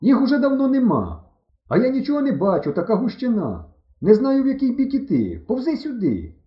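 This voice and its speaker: A man reading an audiobook voices a frightened, exasperated young boy who yells in a high, strained voice, on a roomy, dull recording. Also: very animated, fairly quick. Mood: yelling.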